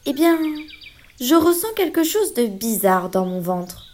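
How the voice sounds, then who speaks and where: A woman's voice: fairly high pitch, big pitch swings, a little slow, a little mellow, voice pushed up. A woman voicing a selfish male raccoon in a children's storybook reading, curt and bossy. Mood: gentle. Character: selfish male raccoon, possessive, later softening.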